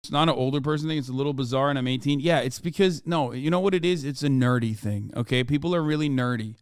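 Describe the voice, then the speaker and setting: A fast-talking man in his thirties, Turkish his first language, vents a casual, profanity-laden, exasperated reaction rant into a close mic. His mid-range voice sounds clean, and there's no room sound.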